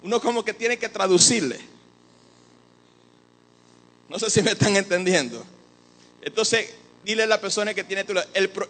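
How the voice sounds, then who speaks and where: A man preaching a sermon as an apostle, animated and joking with the congregation. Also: high-pitched, poor audio. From Venezuela. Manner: animated, joking with the congregation, mimics others' voices.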